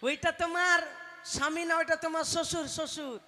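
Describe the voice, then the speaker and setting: A man's voice: very high voice, fairly even intonation, brisk, big-room sound. A man playing a fussy, exasperated matchmaker who repeats back the bride's answers in a folk stage play.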